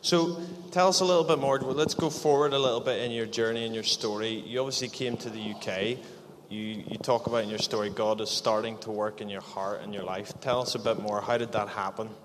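A man's voice: on the low side, steady tone, fairly quick, few pauses, background noise. A man leading a live church interview, upbeat and encouraging as he prompts his guest with questions. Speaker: church leader hosting an interview. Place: church hall. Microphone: handheld microphone. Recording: echoey church hall.

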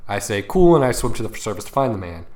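A man's voice: lowish voice, expressive, rapid-fire, a little mellow. A man hosting a podcast, telling a game story in a rambling, joking way and swearing casually. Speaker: podcast host.

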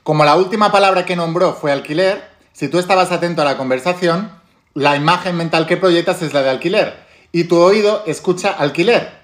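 Man, Spain Spanish accent, self-help teacher talking to camera, pitched a bit high, emphatic and repetitive. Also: brisk, a bit bright. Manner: emphatic, repeats key phrases. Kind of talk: direct-to-viewer talk.

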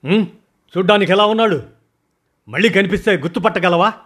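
A man voicing a short-tempered male boss who barks loud, demanding questions and orders. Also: high-pitched, fairly quick, slightly rough, voice pushed up. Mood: impatient, demanding.

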